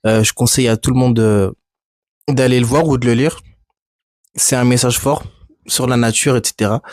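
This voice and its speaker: A man's voice: medium pitch, fairly even intonation, normal speed, a little mellow, no room sound, clean studio sound. A young man from France chatting as a podcast guest, rambling and teasing, full of asides. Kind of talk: casual podcast chat.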